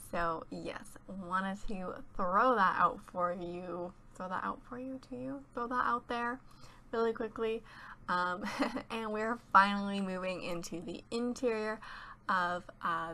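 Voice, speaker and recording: A teenage girl, a YouTuber with a cold-stuffed nose, records a giggly, rambling voice-over chat using a home voice-over mic. Her medium-pitched voice has a sharp tone, with slight background noise behind it.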